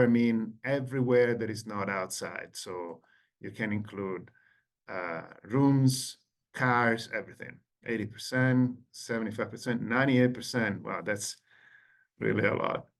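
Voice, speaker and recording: A man's voice: mid-range voice, measured pace. A man in his forties from Italy with an Italian accent, giving an online lecture as a guest lecturer and engaging the audience with questions over a video call.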